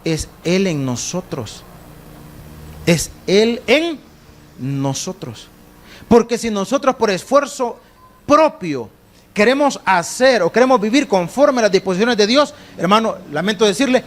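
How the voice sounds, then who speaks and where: A man's voice: sits high, expressive, measured pace. A middle-aged man, preaching a sermon as pastor, acting out little scenes in other voices. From El Salvador.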